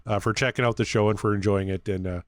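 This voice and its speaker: A man co-hosting a podcast in casual chat, earnestly giving friendly shout-outs to listeners. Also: lowish voice, fairly even intonation, fast, dry recording. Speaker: podcast co-host.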